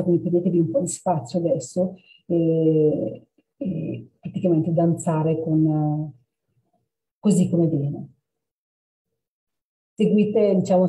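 A woman leading a creative workshop, narrating a story and guiding an exercise gently and without hurry over a webinar mic. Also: fairly low pitch, poor audio. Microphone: computer mic for a webinar.

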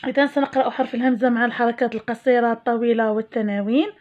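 A woman teacher with a Moroccan accent, giving a reading lesson for young children and stretching words slowly syllable by syllable. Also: a little high, fairly even intonation. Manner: slow, drawn-out syllables when modelling words. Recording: dull lo-fi sound.

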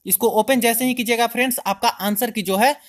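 A man's voice: extremely high pitch, fairly even intonation, a little fast. A man hosting a channel, talking viewers through an online process step by step in a chatty screen-recording tutorial, constantly calling them friends. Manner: step-by-step instructional. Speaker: YouTube channel host.

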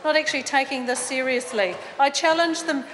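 A woman's voice: high-pitched, brisk, a bit bright, slight background noise. Combative New woman in parliament. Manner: combative, indignant, with many fillers and restarts. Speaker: opposition member of parliament. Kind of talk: parliamentary debate speech. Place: large wood-panelled debating chamber. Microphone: desk microphone. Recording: reverberant chamber with faint ambience.

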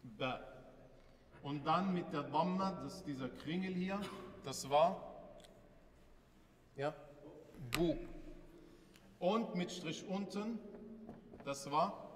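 A man's voice: high-pitched, takes it slowly, pauses often, long reverb tail. A man teaching a class, patiently asking questions and repeating points. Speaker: Arabic alphabet teacher. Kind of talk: classroom lesson with questions to students.

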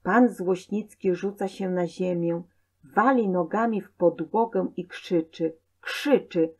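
Slow, low-voiced woman reading a story. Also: fairly even intonation, darkish tone, breathy edge. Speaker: narrator. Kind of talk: reading a children's story aloud.

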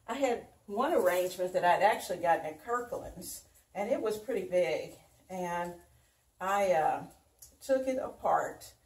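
An older woman hosting a home decor vlog, chatting unhurriedly as she arranges flowers in her dining room. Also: medium pitch. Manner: chatty, unhurried, talks while working with her hands. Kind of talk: casual how-to demonstration. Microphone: camera mic from across the room. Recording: roomy echo, voice from a distance.

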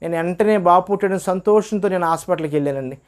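A man's voice: sits high, fast talker. A man telling his personal religious testimony, acting out what others said. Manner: earnest storytelling, acts out quoted dialogue. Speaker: testimony speaker.

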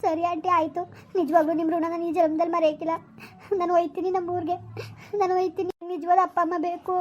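A woman's voice: very high-pitched, flat delivery, quick pace, lo-fi sound, a little hiss or hum. A woman playing a young village girl who begs to be taken home, in a family drama skit. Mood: pleading. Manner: begging, tearful pleading.

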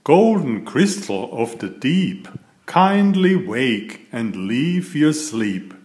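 With a mid-range voice, a man narrates his picture book for young kids, unhurried yet animated. He delivers the scripted story deliberately and with plenty of expression, as its author.

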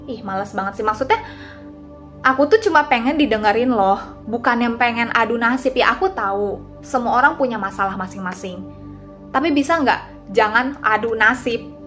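A woman's voice: high-pitched, fairly bright tone. Chatty young woman sharing advice, music beneath. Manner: chatty and confiding, addresses viewers directly. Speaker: vlogger giving advice. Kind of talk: casual talking-head advice.

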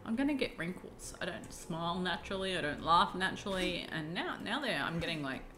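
Teasing woman with a lively voice. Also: on the low side, brisk, a little hiss or hum. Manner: teasing, laughs often. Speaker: co-host watching a game. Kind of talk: casual chat.

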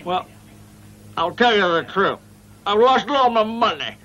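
An actor playing a gullible, hard-up gambler who is easily indignant, in a dubbed martial arts film. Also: male voice, sits high, animated, measured pace, bright, forceful tone, exaggerated voice. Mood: dejected.

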